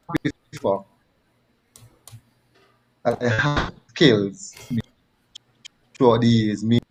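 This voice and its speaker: The audio is poor, but you can hear a medium-pitched man with a Nevisian Caribbean accent recounting personal stories in conversation. He's a former track athlete from Nevis, Saint Kitts and Nevis, interviewed as a guest, and he often repeats phrases for emphasis.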